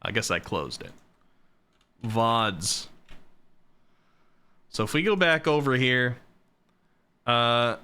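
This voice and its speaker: Man, livestream host, crisp bright voice, unhurried, playful, self-mocking, faint music. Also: medium pitch, lively intonation. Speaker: streamer, host. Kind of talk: livestream casual chat, commentary on old clips.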